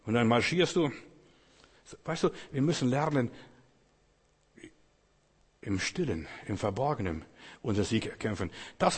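A man's voice: medium pitch, breathy edge, in a large hall. A man preaching a sermon, addressing his listeners directly in an insistent, exhorting way.

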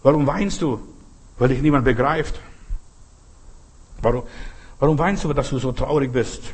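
A man delivers a sermon in a husky, slightly breathy voice at an average male pitch. He keeps hammering his points with repeated questions, leaning hard on each phrase. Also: normal speed. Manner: repetitive, rhetorical questioning. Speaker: pastor.

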